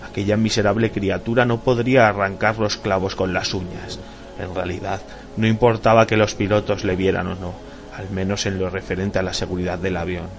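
A low, gravelly male voice narrates a horror audiobook in a measured, suspenseful way. Faint music plays quietly underneath the reading. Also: level tone. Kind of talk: scripted horror story narration.

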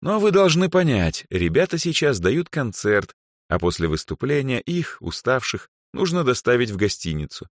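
A man voicing a polite, good-natured older male music organizer in an audiobook, speaking in a courteous, smooth way. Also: mid-range voice, sing-song, moderate pace, dry recording, clean studio sound, pitched above the performer's own voice, lightly acted.

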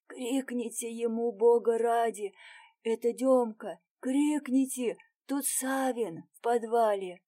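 A woman voicing an excitable young male soldier with bold, eager delivery in a storybook reading. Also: a little high, slow pace, pitched above the performer's own voice. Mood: excited.

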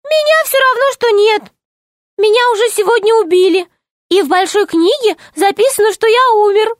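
Woman voicing a squeaky little gnome. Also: moderate pace, dry recording, studio quality. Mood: cheerful. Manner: squeaky, excited exclamations. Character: small frightened excitable male gnome.

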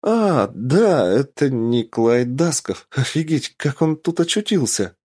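A man voicing an eager young woman fighter in an audiobook, raising his pitch and speaking in quick exclamations. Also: slightly rough. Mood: excited. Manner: raised girlish pitch, excited exclamations. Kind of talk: audiobook character voice.

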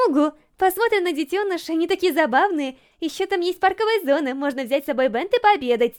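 A woman reading aloud, voicing an eager, shy teenage schoolgirl who chatters excitedly. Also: extremely high pitch, fast, voice pushed up.

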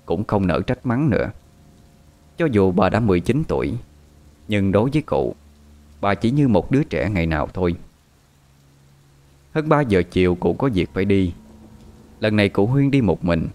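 A man narrating a story in a calm, measured scripted reading. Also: lowish voice.

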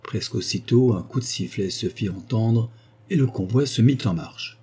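A man narrating an audiobook novel in a measured storytelling manner. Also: fairly low pitch, dark tone, breathy edge.

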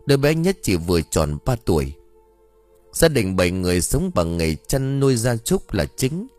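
A man narrating an audio story in an expressive storytelling manner. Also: on the low side, moderate pace. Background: faint background music.

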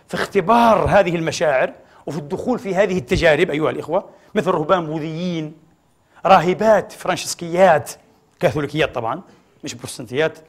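Male preacher, quick and husky, lecturing an audience and answering his own questions. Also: fairly high pitch. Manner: rhetorical questions he answers himself. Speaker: religious lecturer. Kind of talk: formal religious lecture to an audience.

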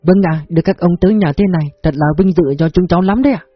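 A man reading a story, voicing a humble, polite poor woman who sells food; husky and dry. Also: high voice, rapid-fire, dry recording, lo-fi sound, faint music behind, voice pushed up. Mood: deferential. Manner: deferential, polite.

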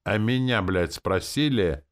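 A man's voice: lowish voice, expressive, a little slow, pitched above the performer's own voice. A man voicing a grumpy, foul-mouthed female guard dog who growls and snaps. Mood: snarling. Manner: snarling, swearing.

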